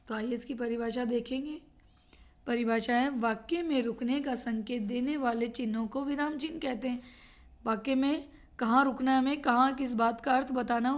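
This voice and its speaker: A woman teaching a grade-school grammar lesson to children, explaining slowly and checking often that they follow. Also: on the high side. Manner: explains slowly, repeats and checks with "thik hai".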